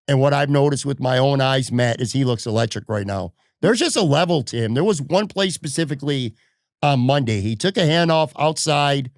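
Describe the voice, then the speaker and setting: A man's voice: mid-range voice, a little mellow, no room sound, studio quality. A man hosting a sports podcast, talking bluntly and heatedly in casual chat, swearing freely. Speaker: podcast host.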